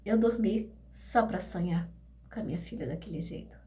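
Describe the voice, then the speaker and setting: A woman's voice: medium pitch, normal speed, dark tone. Emotional middle-aged woman telling her story. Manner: emotional, addresses listeners directly. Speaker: bereaved mother. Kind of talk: personal testimony storytelling.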